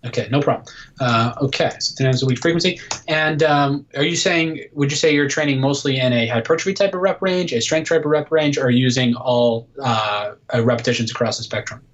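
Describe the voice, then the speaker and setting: A man's voice: medium pitch, a little fast. Man, thirties, guest coach, podcast chat, explanatory, hesitant fillers, dull lo-fi audio. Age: 30s. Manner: explanatory, lots of "uh" and "um". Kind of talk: casual podcast interview.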